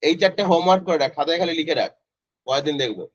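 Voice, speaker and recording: A man's voice: on the high side, expressive, racing, dry recording. A male physics tutor, teaching an online class in a casual way and quizzing students by name. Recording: dry, slightly dull lo-fi audio.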